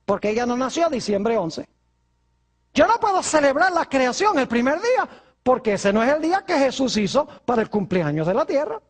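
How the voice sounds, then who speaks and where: Man, pastor, preaching sermon, very high-pitched voice, rhetorical questions to the congregation. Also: big pitch swings, moderate pace.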